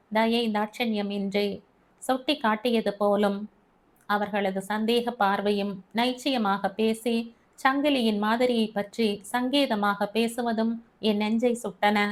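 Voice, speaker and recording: A woman narrating a first-person short story in a measured, steady reading. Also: a little high.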